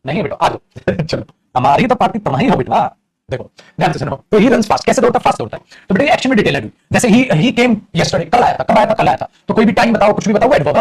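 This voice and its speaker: In an online live class, a high-pitched man teaches English grammar, blending Hindi and English. He fondly calls his students "beta" and drops in teasing asides.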